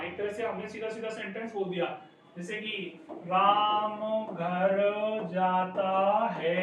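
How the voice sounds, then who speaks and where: A man teaching an exam-prep lesson, explaining step by step and often calling his listeners friends. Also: high voice. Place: classroom. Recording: echoey room, distant mic, faint noise.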